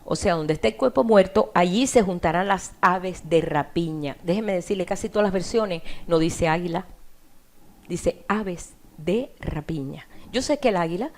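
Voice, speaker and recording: A woman's voice: fairly low pitch, lively intonation, moderate pace, darkish tone. A woman preacher delivering an impassioned sermon, often addressing her listeners directly as brother.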